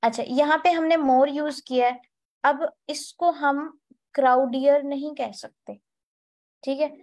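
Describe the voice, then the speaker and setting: A woman's voice: high voice, steady tone, slow, a little mellow. A woman teaching an online English class, explaining grammar step by step and spelling out letters.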